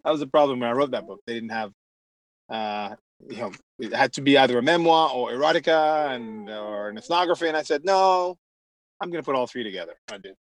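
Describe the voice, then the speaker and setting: A man from Jamaica, an author being interviewed, telling his story in a lively, chatty way with plenty of fillers. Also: mid-range voice, a little fast, rough recording. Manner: animated storyteller with frequent laughs and fillers. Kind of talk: casual conversational interview.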